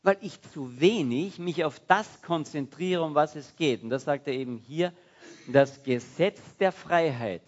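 A man preaching a sermon in a lively, conversational way. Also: on the high side, unhurried, highs cut off. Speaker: pastor.

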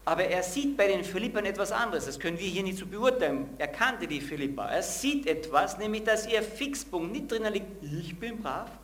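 Animated preacher. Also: male voice, sits high, a little fast, few pauses. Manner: animated, asks the congregation direct questions. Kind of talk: sermon.

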